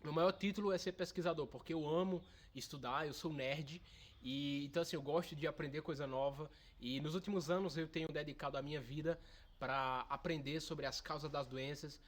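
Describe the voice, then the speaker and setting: A man's voice: on the high side, fairly even intonation, fairly quick. A man, a nutritionist guest explaining things with enthusiasm. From Brazil's Northeast, Pernambuco. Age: 20s. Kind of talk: interview answers.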